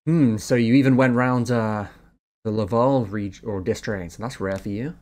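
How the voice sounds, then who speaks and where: A man's voice: mid-range voice, normal speed, a little mellow. A man hosting a let's-play, casually translating game dialogue aloud, loose and offhand with fillers. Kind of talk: casual live translation commentary.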